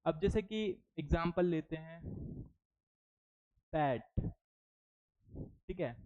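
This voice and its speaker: This English teacher's voice is a little high, warm and clean, at normal speed, with an Indian English accent. In an exam-prep phonetics lecture captured as a dull lo-fi recording, he drills words by repeating them and moves back and forth between English and Hindi.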